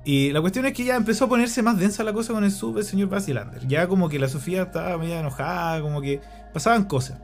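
A man's voice: sits high, fast, few pauses, faint music behind. A Chilean man co-hosting a podcast, telling a story casually and animatedly with lots of slang. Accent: Chilean Spanish. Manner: animated, slangy, acts out voices in quotes. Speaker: podcast co-host.

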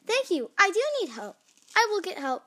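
A woman voicing an eager, determined little girl pig from a storybook in an excitable, exclaiming manner. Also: high voice, a little slow, exaggerated voice. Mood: eager, excited.

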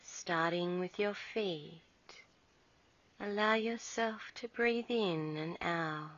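A woman guiding a relaxation meditation in a soft, soothing voice. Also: on the low side, no echo. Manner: soft, slow, soothing delivery. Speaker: meditation guide. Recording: dull lo-fi recording.

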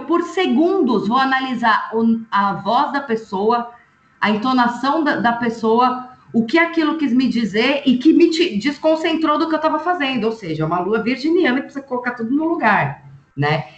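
An animated woman explains with example after example, checking in with quick tag questions. Her voice sits a little high. The sound is roomy and dull, like a remote call. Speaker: astrologer guest. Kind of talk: casual explanatory chat.

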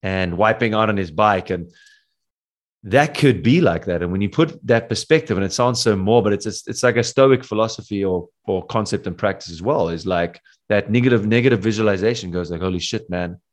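A man's voice: fairly low pitch, brisk. A man in his forties hosting a podcast, talking earnestly and philosophically about parenting and being present. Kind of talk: reflective casual chat.

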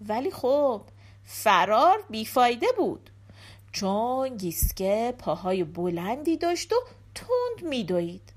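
A woman reading a folk tale aloud with expressive, animated delivery. Her voice sits high and swoops widely as she moves the story along. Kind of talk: scripted narration of a folk tale.

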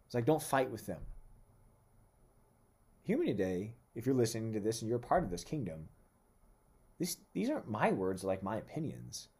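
A man preaching in a podcast sermon who talks in an animated way, throws in playful asides and slows down to read scripture. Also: mid-range voice, breathy edge. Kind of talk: sermon-style podcast teaching.

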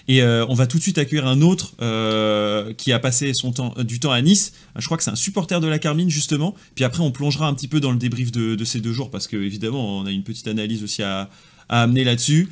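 A man with a medium-pitched voice hosts a casual live discussion. He is encouraging and conversational, handing over to callers with short questions. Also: fast talker. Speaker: host. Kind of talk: casual live call-in hosting.

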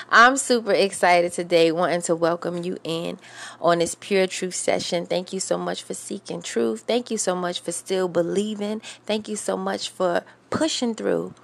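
Gravelly-voiced, upbeat woman radio host. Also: on the low side. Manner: lively, playful, and prone to laughing.

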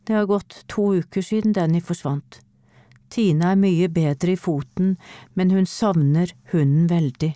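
A woman reading a children's storybook aloud in a clear, steady way. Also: fairly low pitch, no room sound, clean studio sound. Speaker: narrator.

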